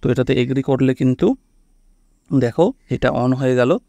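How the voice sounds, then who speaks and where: This male tutorial host has a medium-pitched, creaky voice with a dark tone, recorded dry and close with no echo. Moving at a moderate pace, he casually explains how to do things on a phone and keeps checking that the listener is following.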